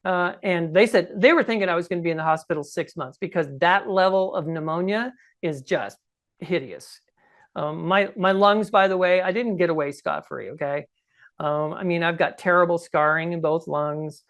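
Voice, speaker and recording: A scratchy-voiced man in his sixties shares his own experiences as an interview guest on a podcast, speaking at normal speed in a slightly high, somewhat bright voice. His storytelling is emphatic and conversational, peppered with "okay?" and "right?".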